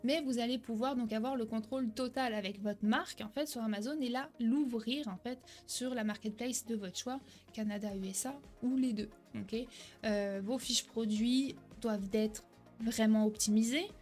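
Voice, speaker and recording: A fairly high-voiced young woman coaching straight to the viewer with lively energy, often checking in with a quick "ok?". She stumbles and corrects herself now and then without losing momentum. Soft music sits faintly underneath. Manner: some hesitations and self-corrections. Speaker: online selling coach. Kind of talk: direct-to-camera tutorial.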